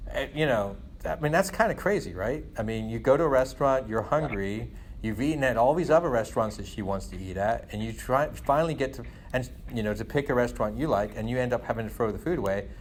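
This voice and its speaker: With lively intonation and a quick pace, a middle-aged man talks in a mid-range voice, venting casually and rambling with frequent "you know" and "like." Born in England to Guyanese parents of Indian descent, he's recorded with slight background noise.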